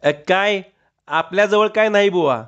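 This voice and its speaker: Casting: a man playing a cowering village thief, stammering and whiny, raised pitch, dull lo-fi sound. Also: measured pace. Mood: scared. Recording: dull lo-fi recording.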